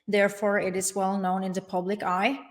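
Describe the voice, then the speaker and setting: Woman from norway, young adult, formal careful answers, middle pitch. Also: level tone. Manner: measured and formal, with careful connectives. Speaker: guest. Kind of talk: interview answers.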